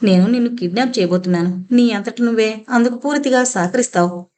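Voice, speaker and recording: A woman's voice: fairly high pitch, fairly quick, darkish tone, natural voice. A woman narrator voicing an obsessive, vengeful man just out of prison who taunts and threatens, mixing in English words. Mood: menacing. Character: obsessive vengeful male ex-convict, menacing.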